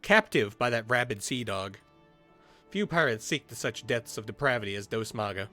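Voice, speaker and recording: A man's voice: medium pitch, animated, normal speed, bright, forceful tone, faint music behind. A man reading the lines of a stern port city military officer from a fantasy game, in a formal, report-like delivery close to his own voice.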